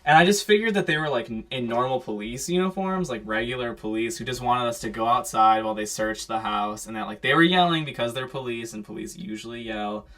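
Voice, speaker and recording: A young man giving casual interview testimony about a raid, rambling with many fillers and acting out the shouted lines. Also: mid-range voice, brisk, hardly any pauses. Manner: rambling, filler-heavy, acts out shouted quotes. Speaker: raid eyewitness.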